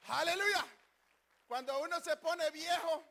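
An older man preaching a sermon, swinging from loud exclamations to quiet asides and acting out little voices. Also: very high-pitched, measured pace. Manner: swings from shouting to hushed asides, acts out voices. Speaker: pastor.

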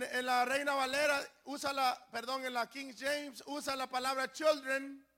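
A male pastor preaching a sermon, speaking emphatically, now and then shouting key lines and urging the congregation to respond. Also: very high voice. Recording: long hall reverb.

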